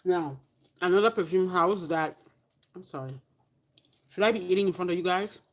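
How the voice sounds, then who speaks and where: Woman, low-pitched voice, casual chat to camera, candid, animated, playful asides. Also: normal speed. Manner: chatty and candid, animated asides, swears and drops to a whisper at times. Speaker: perfume vlogger.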